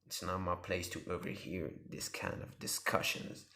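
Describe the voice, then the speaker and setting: A man's voice: sits low, flat delivery, normal speed, gravelly, sharp tone, echoey room, full character voice. A man doing a polite villain bartender. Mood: courteous. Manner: formal, courteous. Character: calm, polite male bar attendant villain.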